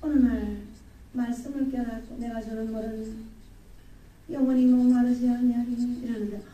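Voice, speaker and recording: A woman's voice: fairly high pitch, fairly even intonation, moderate pace, mellow, muffled recording. Older woman preaching in an echoey hall. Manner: emphatic, acting out prayers and repeating phrases. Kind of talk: sermon. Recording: roomy hall from a distance, faint ambience.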